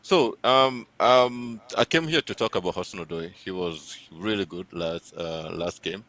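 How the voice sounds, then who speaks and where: A man speaking as a panelist over a remote call link whose audio breaks up, talking emphatically with halting restarts. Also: deep voice, a bit bright, low-quality recording. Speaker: panelist on a fan livestream. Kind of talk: casual opinionated chat.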